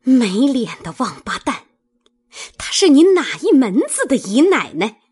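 Brief: woman doing a fierce noble lady, cutting and scornful, husky voice, pitch jumps high. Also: big pitch swings, takes it slowly, heavily acted. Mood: scolding, mocking. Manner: scolding, mocking, cutting. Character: fierce sharp-tongued noble lady, domineering.

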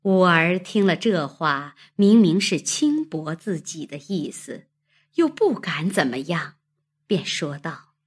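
Woman reading an old novel out loud, slow and husky, lots of up and down in her voice. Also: fairly low pitch, sing-song. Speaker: storyteller. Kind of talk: scripted narration of a classic novel.

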